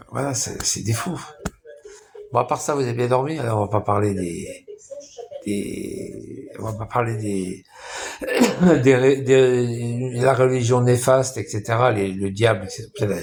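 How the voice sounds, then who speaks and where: A man's voice: medium pitch, gravelly. Man mocking people on a live stream. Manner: mocking, crude, halting with many restarts. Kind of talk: rambling live-stream monologue.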